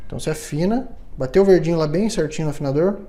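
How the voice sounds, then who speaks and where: Guy teaching guitar setup, kinda high but mellow voice, patient, keeps checking u follow. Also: rapid-fire. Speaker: guitar luthier instructor. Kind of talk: step-by-step instrument setup tutorial.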